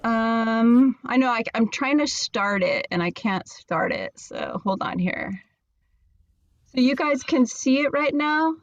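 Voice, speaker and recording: A woman's voice: fairly high pitch, very animated, no echo. Nervous woman on a dull video call. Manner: nervous, halting, many fillers. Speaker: guest speaker. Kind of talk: casual presentation over video call. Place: inside an old camper van.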